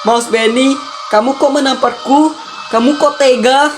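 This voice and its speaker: A woman's voice: sits high, steady tone, measured pace, over music, pitched above the performer's own voice. A woman voicing a young wife who pleads with her husband in a raised, tearful voice, reading her lines over a life-sim game. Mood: pleading.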